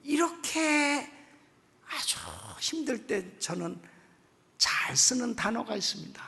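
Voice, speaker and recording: A man preaching as guest pastor at a revival meeting, telling a story in an animated way and acting out its people, at times bursting into loud exclamations. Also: extremely high pitch, slow pace, gravelly. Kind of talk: sermon storytelling. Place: church sanctuary. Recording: echoey church hall.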